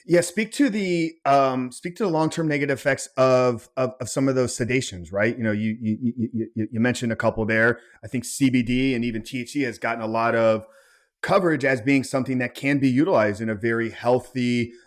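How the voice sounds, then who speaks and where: A man's voice: medium pitch, brisk. A man hosting a podcast as a coach, asking casual questions with stammering repetitions. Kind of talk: interview questions.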